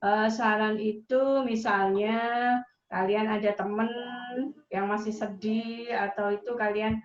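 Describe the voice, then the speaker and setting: Slow, patient woman English teacher. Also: medium pitch, steady tone. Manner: patient, repeats words for pronunciation drills. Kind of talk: online class lesson. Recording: echoey, dull, noisy online recording.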